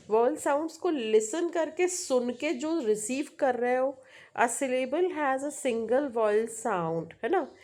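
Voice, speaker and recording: Indian woman teacher, slow deliberate delivery, slightly high voice, stretches words out. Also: darkish tone. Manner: slow, drawn-out pronunciation of example words; frequent "है ना?" check-ins to the viewer. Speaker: English teacher. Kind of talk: Hindi-English mixed lesson on syllables.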